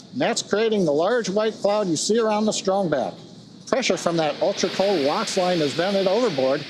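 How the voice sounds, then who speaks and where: A man's voice: high-pitched, low-quality recording. A man hosting a launch webcast with explanatory, matter-of-fact technical commentary. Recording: faint background noise.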